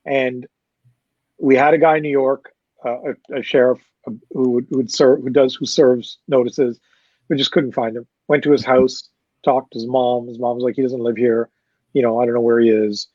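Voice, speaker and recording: A man's voice: mid-range voice, moderate pace, dry recording, muffled recording. A man, a concert promoter, telling a long story in a casual interview, quoting people and swearing freely. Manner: animated anecdote-telling with profanity and quoted dialogue.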